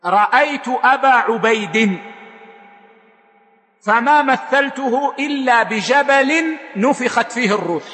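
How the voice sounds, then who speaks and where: A man delivers a religious lecture in a high, bright voice. He explains patiently and keeps restating his points in simpler words. The sound carries a long hall reverb. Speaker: lecturer on Islamic history.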